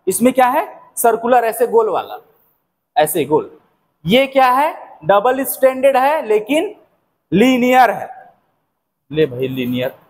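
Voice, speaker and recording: High-voiced man teaching biology. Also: sing-song, unhurried, long pauses. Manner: asks questions and answers them himself. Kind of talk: classroom-style lecture.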